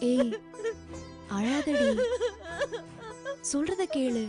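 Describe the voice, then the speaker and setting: A bossy, scolding relative. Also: female voice, high voice, very animated, very slow, over music, heavily acted. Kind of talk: TV serial acting.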